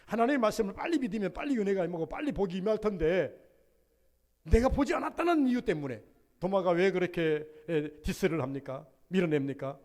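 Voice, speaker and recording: A man delivering a Sunday sermon in a church sanctuary, his voice pitched high. He preaches dramatically, stepping into the voices of biblical figures. A long reverb trails each phrase through the hall. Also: expressive, brisk, darkish tone. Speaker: pastor.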